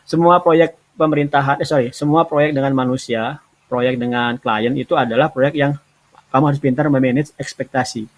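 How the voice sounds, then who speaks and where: A man hosting a talk show with an Indonesian accent, giving casual, relaxed advice with hesitations and restarts. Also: medium pitch, brisk. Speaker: podcast host giving remote work advice.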